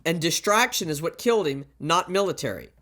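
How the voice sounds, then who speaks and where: A man with a high-pitched voice preaches into a pulpit microphone. He talks in a plain, conversational way, tossing in rhetorical questions and repeating his warnings for emphasis. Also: animated, a little fast, a bit bright. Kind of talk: sermon.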